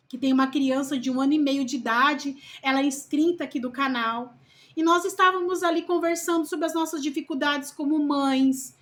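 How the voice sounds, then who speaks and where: A woman with a Brazilian Portuguese accent, a first-time mother, talking earnestly and unhurriedly to her viewers about parenting, with many diminutives and rhetorical questions. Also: sits high. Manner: calls herself loud-spoken. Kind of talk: casual talk to camera.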